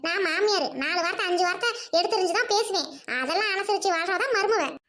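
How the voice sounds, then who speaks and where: A woman's voice: very high voice, fast talker, fairly bright tone. A woman playing a scheming middle-aged mother-in-law who scolds and taunts in a family drama. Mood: scornful.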